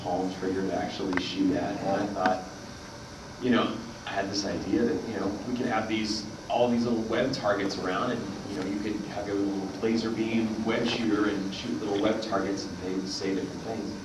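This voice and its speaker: A man's voice: on the low side, fairly even intonation, fairly quick. A man telling a long story at a convention panel, rambling with many fillers. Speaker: panel guest. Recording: echoey hall from far off, noisy.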